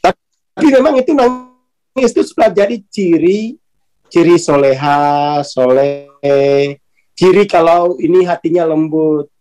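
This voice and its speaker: A relaxed, chatty speaker talks about matters of the soul in an easygoing way. Short laughs keep breaking into the talk. The phrasing is colloquial, with many little tag words at the ends of sentences. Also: mid-range voice, unhurried, long pauses, poor audio. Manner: chatty and informal, often laughing between points. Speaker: speaker on a spiritual talk channel. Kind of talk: casual spiritual talk.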